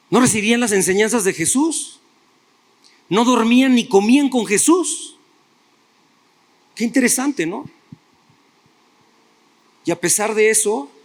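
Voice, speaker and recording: A male pastor preaching a sermon, retelling stories and putting rhetorical questions to his listeners. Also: high voice.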